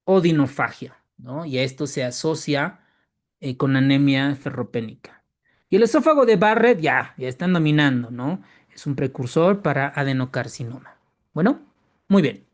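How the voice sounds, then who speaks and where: A man giving an online medical exam-prep lecture. He repeats key terms and tags his lines with quick checks for agreement. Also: mid-range voice. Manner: lively, emphatic rises on key terms.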